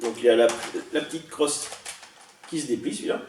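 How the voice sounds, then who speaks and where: A man casually showing off a haul of toy blasters, chatty and hesitant, often pausing and correcting himself. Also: mid-range voice, a little mellow, far from the mic, slight background noise. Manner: chatty, hesitant, many fillers and self-corrections. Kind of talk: casual unboxing vlog. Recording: echoey room, voice off-mic.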